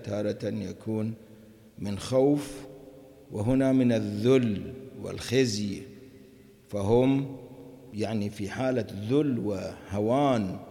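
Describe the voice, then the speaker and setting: Man, Quran commentary lesson, warm low voice, long hall reverb. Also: creaky. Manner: reads verses slowly, then explains in a mix of formal and colloquial Arabic. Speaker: Quran teacher.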